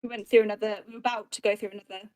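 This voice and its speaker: A woman player recapping a tabletop game in a halting way over a voice call, her audio cutting out and dropping quiet. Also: medium pitch, level tone. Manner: halting, full of fillers.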